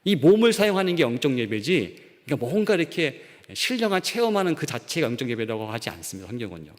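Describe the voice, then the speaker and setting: A man preaching a sermon as a pastor, in a relaxed, conversational storytelling way. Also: medium pitch, fast. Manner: conversational storytelling, acts out quoted voices. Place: church sanctuary. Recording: long church reverb.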